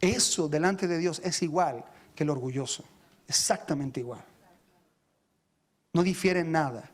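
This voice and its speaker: A man's voice: fairly high pitch, a little slow. A man, a pastor preaching an impassioned sermon who calls his listeners brothers and stumbles over repeated words as he presses his point.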